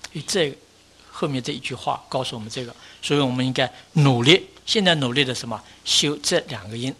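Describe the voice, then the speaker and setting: Buddhist dharma lecture, rhetorical questions, rising emphasis, low falling conclusions. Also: fairly quick, bright, forceful tone, husky. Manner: often lifts pitch and volume for emphasis, drops low at conclusions. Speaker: Buddhist teacher.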